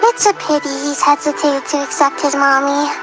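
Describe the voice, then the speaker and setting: Woman doing a little kid cartoon critter, super high pitched, thoughtful, music in back. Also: completely flat delivery, normal speed, close to an everyday voice, poor audio. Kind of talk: fan cartoon dialogue.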